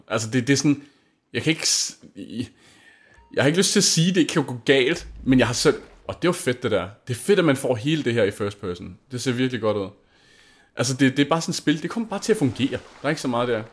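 Rambling excited young man gaming. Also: mid-range voice, slightly rough. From Denmark. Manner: rambling, gushing, full of fillers and restarts. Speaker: gaming channel host. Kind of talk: casual gameplay commentary.

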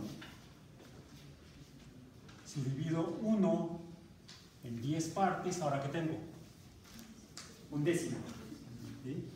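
A man with a Mexican Spanish accent lectures to a class, his voice a bit high for a man. He is picked up from far off by a camera, so the room's heavy echo and a steady background noise come through. He often asks the class questions and breaks off words mid-way. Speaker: university math teacher. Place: university classroom. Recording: very echoey classroom recorded from far off, noisy.

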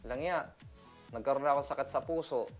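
A man's voice: mid-range voice, brisk, faint music behind. Chatty Filipino seaman vlogger, man. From Philippines. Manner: animated, laughs often, mixes in English. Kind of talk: casual chatty vlog monologue.

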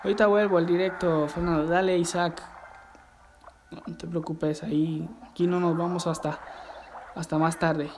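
A man hosting a live gameplay stream, chatting excitedly and reading viewer messages aloud. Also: a little high, moderate pace, noisy background. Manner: excitable, reads viewer chat aloud, shouts at the game. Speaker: livestreaming gamer host. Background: game music.

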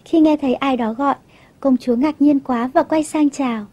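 A woman teaching children English on television, telling a story and asking them gentle questions. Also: sits high, normal speed.

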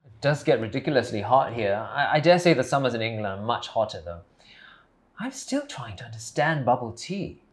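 A man's voice: medium pitch, big pitch swings, brisk, close to an everyday voice. A man playing a polite, hesitant tutor from England in a comedy series, with formal, careful phrasing. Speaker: English tutor. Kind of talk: scripted comedy series dialogue.

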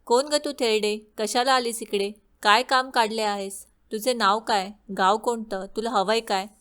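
A woman's voice: mid-range voice, normal speed, lightly acted. A woman voicing a blunt, nervous palace maidservant in a devotional story, firing off questions. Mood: brusque.

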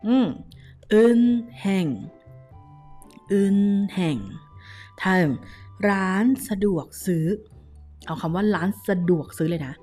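A young woman with a Thai accent runs a casual Korean lesson, with a slightly low, mellow voice. She is lively and coaxing, and she sounds out each word syllable by syllable. Soft music plays behind her. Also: slow, long pauses. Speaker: Korean language teacher.

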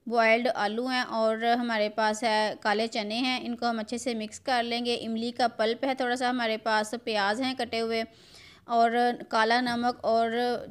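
Homely woman explaining a recipe, smooth voice. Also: on the high side. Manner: homely, step-by-step instructions addressed to viewers. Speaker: cooking channel host. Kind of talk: home cooking tutorial narration. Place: home kitchen.

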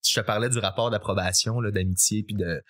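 Quebecois man telling stories animatedly. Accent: Quebec French. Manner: animated, acts out his past self in quick high quotes. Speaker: podcast guest. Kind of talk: casual confessional storytelling.

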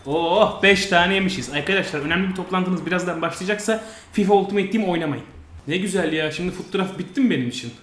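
A man giving frustrated, grumbling commentary over a football video game, now and then yelling at his players. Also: high voice, quick pace. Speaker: gaming channel host. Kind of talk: live commentary over gameplay. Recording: roomy sound with faint noise.

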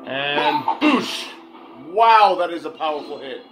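A man giving casual, excitable let's play commentary, exclaiming and talking back to his game. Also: on the high side, slow pace, low-quality recording. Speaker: video game player. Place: room indoors in front of a TV. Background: game music and sounds.

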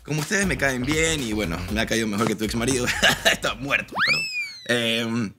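An actor in a TV sitcom playing a real-estate agent who rambles, hesitates and cracks jokes. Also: male voice, mid-range voice, moderate pace, over loud music, natural voice. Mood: joking. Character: joking real-estate agent named Max. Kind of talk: TV sitcom acting.

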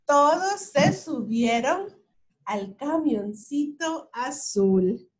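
A woman's voice: sits high, lively intonation, very slow. A woman teacher reading a picture book aloud to young children, playful and pointing things out as she goes. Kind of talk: children's story time read-aloud.

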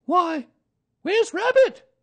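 A storybook reader voicing a brisk, motherly female kangaroo who soothes and scolds in a singsong manner. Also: extremely high pitch, expressive, pitched above the performer's own voice, exaggerated voice. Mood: cheerful, motherly.

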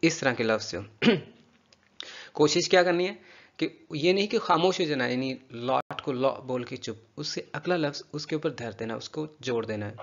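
A man teaching English pronunciation, patiently drilling words slowly and repeating them for a learner. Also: on the high side, expressive, lo-fi sound. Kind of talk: spoken language lesson.

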